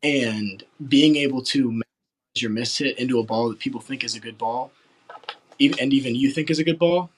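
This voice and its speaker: A late-teen football recruit from West Virginia answers interview questions earnestly, rambling with lots of filler words. His mid-range voice is fairly quick, and the rough recording has slight background noise.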